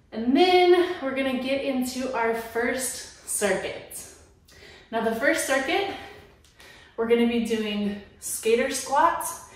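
Slow-talking woman coaching a home workout. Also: fairly high pitch. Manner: encouraging, coaching while moving. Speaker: fitness trainer. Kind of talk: workout instruction. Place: small room at home. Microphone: camera at a distance. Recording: very echoey room, far from mic.

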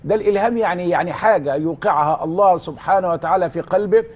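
A religious scholar on television, speaking with an Egyptian Arabic accent, tells stories and answers his own rhetorical questions with fervour. His voice sits high and comes out rapid-fire.

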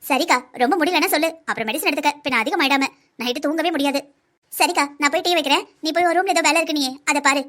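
An eager helpful young sister-in-law. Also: female voice, high-pitched, quick pace, a bit bright. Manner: eager, chatty.

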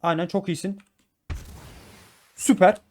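This gaming YouTuber has a high voice and talks slowly while commenting excitedly on live gameplay. He speaks to viewers like friends, suddenly repeating words in bursts.

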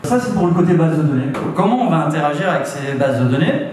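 A man's voice: on the high side, very animated, fast talker, a little mellow. A young man giving a talk at a meetup into a handheld microphone, hesitant with many fillers and restarts. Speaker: meetup speaker. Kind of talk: presentation talk. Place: meeting room with audience. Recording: echoey room, from far off.

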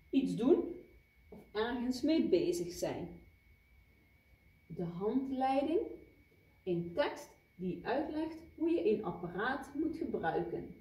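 A woman's voice: fairly high pitch, dark tone. A woman teaching a vocabulary lesson to young pupils, patient and explaining, recorded in a classroom. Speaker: primary school teacher. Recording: echoey classroom from far off.

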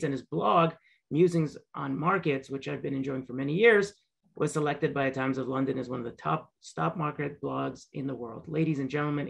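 A young man hosts an interview over a video call from his home library, giving a formal introduction and asking questions, occasionally starting them over. His voice is fairly high, with vocal fry and a breathy edge, and the recording is rough.

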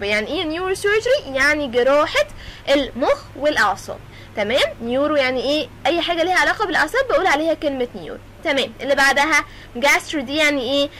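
Young Egyptian woman teaching medical terms, keeps asking if students follow, quick pace, light room noise. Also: high-pitched, fairly bright tone. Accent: Egyptian Arabic. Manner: keeps checking understanding with a quick "تمام؟"; mixes English terms into Arabic explanations. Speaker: lecturer. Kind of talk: recorded medical terminology lecture.

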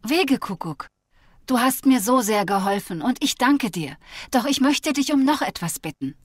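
A woman voicing a vain, lonely female rattlesnake with a slow, rough, hissing voice in a video game fable. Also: on the high side, no room sound, clean studio sound, voice pushed up. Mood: pleading. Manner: pleading, flattering, then bitter.

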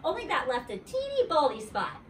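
A woman's voice: sits high, wildly swooping pitch, a little fast, recorded from a distance, a little hiss or hum, voice pushed up. A woman voicing a bold, chatty little kindergarten girl who talks in bouncy, ungrammatical kid speech. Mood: storytelling. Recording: roomy, away from the mic.

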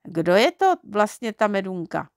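A woman's voice: mid-range voice, very animated, no room sound, clean studio sound. A woman voicing a cheeky, boastful little boy in a children's storybook reading, fibbing and defensive.

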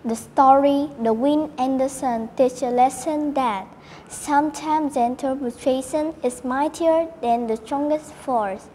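A woman's voice: sits high, unhurried, warm tone, in a large hall, slight background noise. A woman co-hosting a storytelling show with cheerful, scripted lines. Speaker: co-host.

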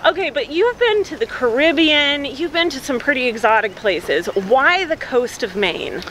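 A woman in her thirties, a travel vlogger, talking excitedly outdoors and interviewing a guest, bubbly and quick to laugh. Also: high-pitched, slight background noise. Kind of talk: enthusiastic travel vlog and interview. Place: outdoors on a sailing ship's deck and inn garden.

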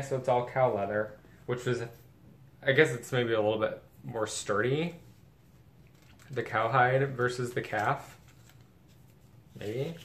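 Male vlogger, gushing and breathless, low voice, faint hiss behind. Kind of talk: casual unboxing chat. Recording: echoey room with faint background noise.

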